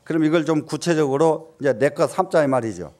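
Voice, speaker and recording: A man giving a Buddhist dharma talk, often posing questions to the audience and answering them himself, with emphatic rises and soft dropped asides. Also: on the high side, a little fast. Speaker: Buddhist teacher.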